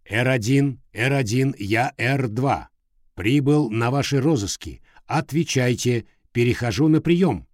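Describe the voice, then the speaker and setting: A man's voice: medium pitch, measured pace, darkish tone, no echo, lightly acted. A dutiful storybook cosmonaut voiced by a man reading aloud calls in and reports in clipped, formal radio style. The recording is close and dry.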